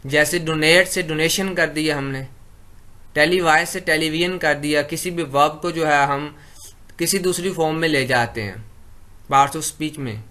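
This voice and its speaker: A man from Pakistan giving a lecture. He reads English definitions slowly, then explains them in conversational Urdu. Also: fairly high pitch, bright, forceful tone.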